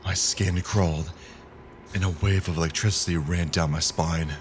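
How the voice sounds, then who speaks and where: A man narrating a horror story in a measured, grim, scripted style. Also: low-pitched, steady tone, slight background noise.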